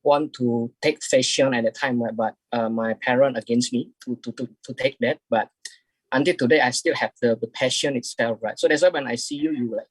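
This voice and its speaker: On a video call, an Indonesian man whose first language is Indonesian asks the guest questions during an online talk, casually but hesitantly. His medium-pitched voice stays fairly even as he halts, restarts often and keeps tacking on "right?". The audio is poor, though without echo.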